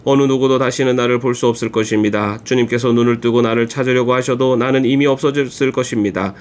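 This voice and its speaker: Guy reading the bible out loud for church, steady calm pace, normal mid voice. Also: mid-range voice, fast. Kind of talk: reading scripture aloud.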